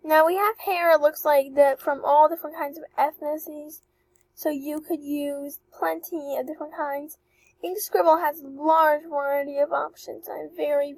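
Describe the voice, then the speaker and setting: Woman, young, excitable, high-pitched, chatty, dead dry recording. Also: vocal fry, no echo, rough recording. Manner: chatty, excitable, apologetic asides. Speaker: channel host reviewing avatar creators. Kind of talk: casual screen-recording walkthrough.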